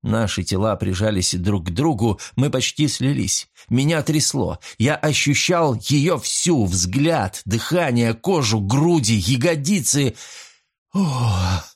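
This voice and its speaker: A man reading a first-person novel aloud with a hushed, intimate, drawn-out delivery. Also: medium pitch, lively intonation, slightly rough. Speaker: audiobook narrator.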